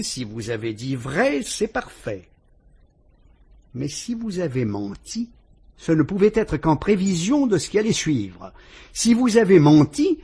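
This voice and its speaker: A French-accented male actor takes the role of a composed, shrewd police inspector in an old radio drama, interrogating a suspect with polite irony. His voice leans high, slightly rough and exaggerated, and he speaks in a measured, probing way.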